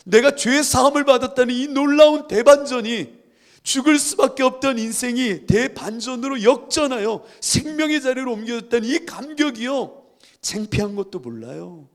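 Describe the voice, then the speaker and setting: A man's voice: extremely high pitch, moderate pace. A middle-aged male pastor preaching a sermon with fervent, emotional storytelling.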